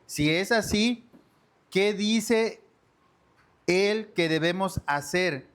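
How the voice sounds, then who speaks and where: A man's voice: high voice, extremely slow, a bit bright. A man teaching a church discipleship lesson in an earnest sermon style, often addressing his listeners as brothers and sisters.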